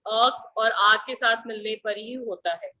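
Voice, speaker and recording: A woman teacher walks her class through a grammar lesson at an unhurried pace. Her voice sits a little high and sounds bright and clear, and she keeps checking in with questions. A faint hiss runs underneath. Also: steady tone, low-quality recording. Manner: slow, patient explaining with repeated questions to students.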